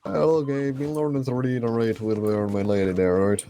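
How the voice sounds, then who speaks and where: A man's voice: mid-range voice, little pitch movement, quick pace, mellow, a little hiss or hum, natural voice. A man playing a plainspoken, good-humored Irish frontiersman in a live roleplay, speaking in an Irish accent. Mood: easygoing. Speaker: roleplay character.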